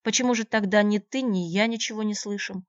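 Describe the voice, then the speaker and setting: A woman's voice: mid-range voice, steady tone, fairly quick, no echo, voice pushed up, natural voice. A woman voicing a jealous, argumentative young man who speaks heatedly, in a dull, dry recording. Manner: heated, indignant.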